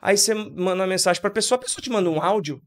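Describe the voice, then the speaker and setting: A man on a podcast with a fairly high voice, making his points emphatically in casual chat. He is opinionated and keeps slipping into little acted-out bits of dialogue to show what he means. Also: rapid-fire. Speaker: podcast co-host.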